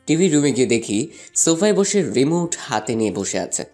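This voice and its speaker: A man's voice: mid-range voice, very animated, moderate pace, warm tone, faint music behind, natural voice. A young man narrating a first-person love story and voicing a playful, teasing student in an audio drama. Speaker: narrator and lead voice actor.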